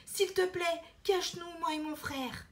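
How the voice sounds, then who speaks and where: A desperate little girl begging for help in a storybook, as a woman reads her. Her voice climbs high and pushes forward with urgency. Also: measured pace. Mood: pleading.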